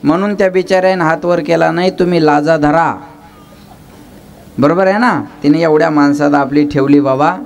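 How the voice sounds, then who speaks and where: A man's voice: on the high side, fairly even intonation, moderate pace, gravelly. A man from preaching a devotional kirtan sermon, chanting verses and teasing his audience with questions and jokes. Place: live gathering with instruments.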